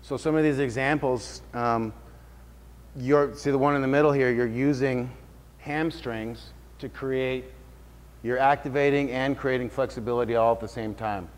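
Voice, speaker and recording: A man's voice: mid-range voice, fairly even intonation, moderate pace. Man teaching fitness in a reverberant hall. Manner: casual and explanatory, checks in with listeners. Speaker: fitness trainer. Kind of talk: informal workshop talk to a group.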